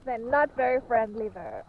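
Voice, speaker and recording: An excited woman chatting briefly on a live stream about sea creatures. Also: on the high side, narrow, tinny audio, very noisy.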